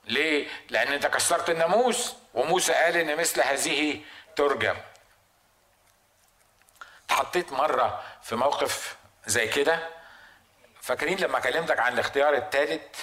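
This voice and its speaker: Man, egyptian arabic accent, preaching, rhetorical questions, bright forceful voice, echoey room. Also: fairly high pitch, normal speed, long pauses. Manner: lively, acts out dilemmas with rhetorical questions. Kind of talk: sermon.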